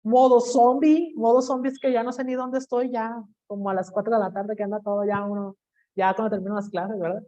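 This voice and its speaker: A woman teacher giving a classroom lecture in a lively way, acting out quoted voices and asking the class questions. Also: a little high, a little fast. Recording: dull lo-fi recording.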